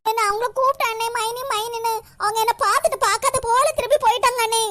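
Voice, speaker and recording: A woman's voice: very high-pitched, fairly even intonation, quick pace, pushed and bright, no room sound. A woman with a Kanyakumari Tamil accent voicing a worried young woman in a cartoon, pleading tearfully with her brother. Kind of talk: animated comedy cartoon dialogue.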